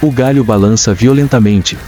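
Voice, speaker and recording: A man with a Brazilian accent reads scripted nature documentary narration in a measured, dramatic storytelling way. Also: mid-range voice, mellow. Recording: dull lo-fi sound with music. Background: clear background music.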